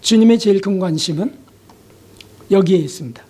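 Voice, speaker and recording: A male pastor preaching a sermon, confessional and emotional, with pauses, sudden soft drops and rhetorical questions to the congregation. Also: sits high, slight background noise.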